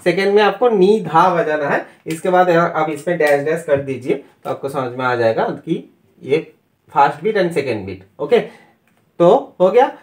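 A young man with an Indian accent and a fairly high voice teaches a harmonica lesson. He speaks patiently, explaining notation step by step, and slows down to call out note names one at a time. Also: lively intonation.

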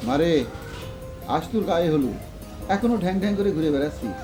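A man's voice: a little high, expressive, fast talker, natural voice. An actor playing an older village father, fond and folksy, given to homespun sayings. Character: warm-hearted old village father who loves to sing. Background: music.

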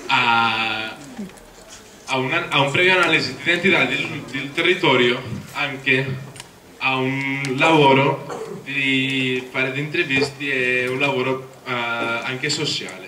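Halting young man with Spanish accent, echoey recording. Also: medium pitch, fairly even intonation, bright, forceful tone. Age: young adult. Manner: halting, searching for words in Italian. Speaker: workshop presenter. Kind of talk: public presentation. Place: evening presentation space with a screen. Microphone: handheld microphone, filmed from a distance. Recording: roomy, noisy, distant sound with clicks.

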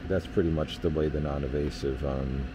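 In a basement by the furnace, a male HVAC technician walks through the system readings in a relaxed, hands-on way, filling his talk with lots of fillers. His voice rumbles low at a normal speed, and the background is noisy.

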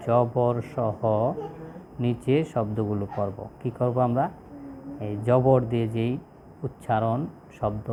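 Flat-voiced man teaching letter by letter. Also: mid-range voice, a little hiss or hum. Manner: slow, repetitive, asks questions and answers them. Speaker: Arabic reading teacher. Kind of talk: step-by-step lesson.

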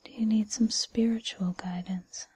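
In this whispered role-play, a woman voices a patient, kindly fairy godmother who addresses the listener directly, taking her time. Her mid-range whisper is very breathy and soft-edged, with fairly even intonation and no room sound, and her gentle manner soothes, encourages and reassures.

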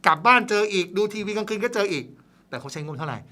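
Fast, bright-voiced man explaining. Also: high-pitched. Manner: lively explaining, many "na khrap" fillers. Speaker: guest marketing expert. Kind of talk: casual radio talk.

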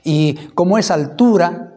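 A pastor in his thirties giving a sermon testimony, telling his story with lively acted-out dialogue. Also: high-pitched, a little slow. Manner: animated storytelling, acting out dialogue.

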